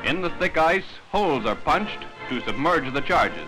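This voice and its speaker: Male announcer, higher-pitched, for a 1940s newsreel: brisk, quipping, scripted, with a music score underneath. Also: big pitch swings, low-quality recording. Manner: brisk, wisecracking announcer delivery. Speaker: newsreel narrator. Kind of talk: 1940s wartime newsreel narration.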